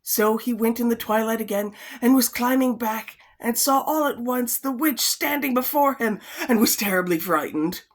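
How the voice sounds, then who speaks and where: A woman's voice: on the high side, moderate pace, hardly any pauses. A woman reading an old fairytale aloud in a casual way, breaking off now and then for wry comments. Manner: chatty, adds wry comments between passages. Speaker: storyteller.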